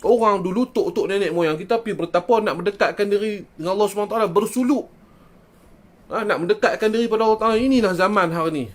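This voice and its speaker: A man's voice: sits high, quick pace. A man with a northern Malaysian accent, a traditional Islamic healer talking to viewers on a live stream. He keeps asking rhetorical questions and addresses his listeners directly. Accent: northern Malaysian Malay (Kedah).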